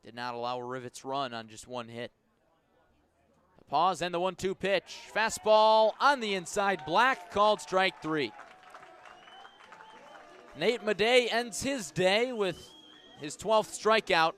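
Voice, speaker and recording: A man calls live baseball play-by-play for radio in a high-pitched, fairly bright voice, describing the action in clipped, descriptive phrases.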